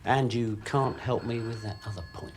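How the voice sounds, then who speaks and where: An actor playing a suspicious police sergeant in a TV drama, probing and drily polite. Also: male voice, mid-range voice, normal speed, slight background noise, close to an everyday voice.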